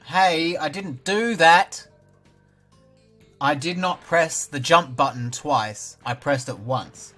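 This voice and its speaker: Young Australian man, bright dry gamer. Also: mid-range voice. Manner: dry, self-mocking jokes. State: talking with a mouth full of banana at times. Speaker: gaming YouTuber. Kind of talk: casual let's-play commentary.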